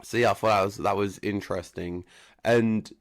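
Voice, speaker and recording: A man's voice: on the low side, fairly even intonation, normal speed. A young man with a southern English accent chatting casually as a podcast co-host, slangy, sweary and jokey. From Wiltshire, England. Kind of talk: casual banter.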